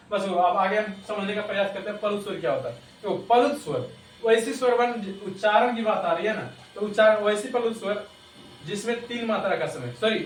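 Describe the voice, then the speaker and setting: A man teaching a grammar lesson step by step, pausing to check with his students and laughing at himself now and then. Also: high-pitched. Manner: explains step by step, repeats "ठीक ना", laughs at himself. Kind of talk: classroom lesson explaining to students. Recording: echoey room, distant mic, faint noise.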